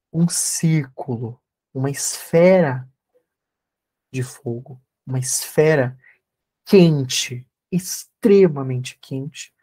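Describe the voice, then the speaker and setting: A male therapist with a slightly high voice runs an online workshop on a video call and guides a meditation, his instructions calm and repetitive.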